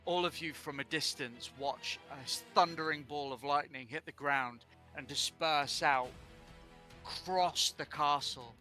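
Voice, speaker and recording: A man running a tabletop game as dungeon master on a live stream, narrating deliberately and often correcting himself as he goes. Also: on the high side, pushed and bright, faint music behind. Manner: slow, deliberate narration with restarts and self-corrections.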